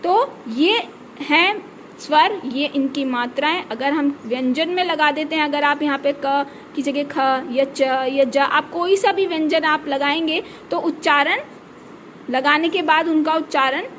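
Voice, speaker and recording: A woman's voice: high voice, unhurried, fairly bright tone, slight background noise. A woman teacher explaining a grammar lesson step by step, often checking in with her class. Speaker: school teacher.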